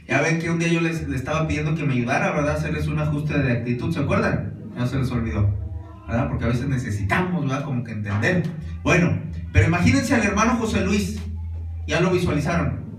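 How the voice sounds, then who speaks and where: A man preaching a sermon, speaking conversationally and often questioning his congregation and calling them brothers. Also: fairly high pitch. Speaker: pastor. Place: church hall. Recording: roomy echo, distant mic, music behind.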